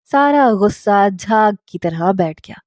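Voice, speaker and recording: A woman narrating a family story in a calm, even way. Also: medium pitch, takes it slowly, dry recording, studio quality.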